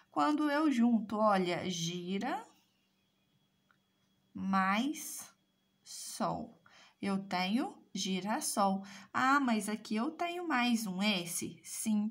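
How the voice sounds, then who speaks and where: A woman teaching a recorded language class, explaining step by step and checking in with "right?" after each point. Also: medium pitch. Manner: explanatory, asks "certo?" and "né?" again and again. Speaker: Portuguese teacher.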